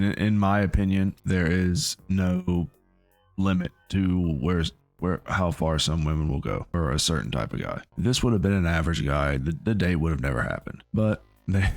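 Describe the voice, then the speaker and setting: A man's voice: deep voice, dry recording. A man hosting a reaction video, talking back at a clip in disbelief, often stopping and restarting his sentences. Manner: incredulous, halting with restarts. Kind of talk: reaction commentary.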